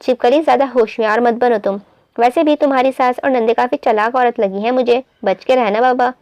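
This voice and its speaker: A woman's voice: on the high side, fairly even intonation, fairly quick, a little mellow, no room sound, dull audio, close to an everyday voice. Woman playing a sulky, snappish young woman. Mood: annoyed. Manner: snappish, scolding. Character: sulky, jealous young woman, quick to snap.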